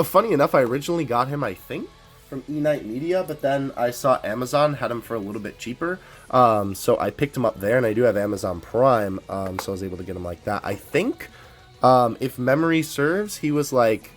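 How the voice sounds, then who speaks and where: A man of middling pitch hosts a casual toy unboxing, so excited that he trips over his words and laughs often. Soft music sits faintly behind his voice.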